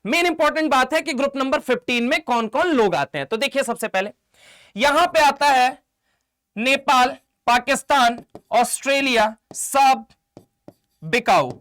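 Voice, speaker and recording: A chemistry teacher from India giving an online exam-prep lecture. He keeps quizzing his students, calls them 'beta' and 'mere laal', and chants memory tricks slowly. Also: very high voice, animated, fairly bright tone.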